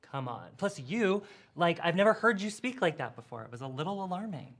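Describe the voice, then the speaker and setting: A woman's voice: on the low side, sing-song, fairly quick. A woman playing a vain young podcaster who gushes and fills her talk with "like". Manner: gushing, airy, valley-girl filler "like". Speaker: podcast co-host. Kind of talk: comedy sketch.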